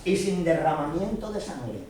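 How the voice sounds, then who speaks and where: A man's voice: on the high side, expressive, moderate pace, a little mellow, slight background noise. A man giving Bible teaching to a congregation, earnestly explaining and checking often that his listeners understand. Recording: very echoey room, distant mic.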